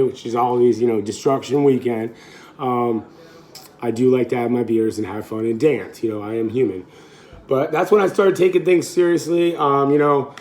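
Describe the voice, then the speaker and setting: Raspy, hoarse man in his thirties. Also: on the high side. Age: 30s. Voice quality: raspy, throaty. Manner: informal, rambling, unscripted. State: hoarse, getting over being sick. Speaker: fitness vlogger and coach. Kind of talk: casual chat to camera.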